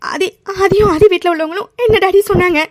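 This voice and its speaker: A woman's voice: extremely high pitch, fast talker. A woman voicing a spoiled young woman in a cartoon, whiny and tearful as she pleads with her father. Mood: pleading. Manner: whiny pleading, keeps saying daddy. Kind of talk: cartoon voice acting.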